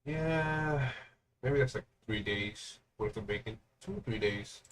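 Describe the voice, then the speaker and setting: A man's voice: mid-range voice, takes it slowly, slight background noise. A man reacting to a video with short, repetitive, amazed remarks. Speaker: reaction commentator. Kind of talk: reaction commentary.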